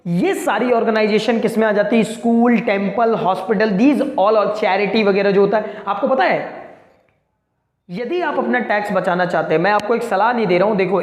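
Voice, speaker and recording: A male commerce teacher giving an accounting lesson, mixing Hindi with English terms. He asks the class questions and answers them himself, drawing out the key words. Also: high-pitched. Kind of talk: accounting lecture to students. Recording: echoey room with long reverb.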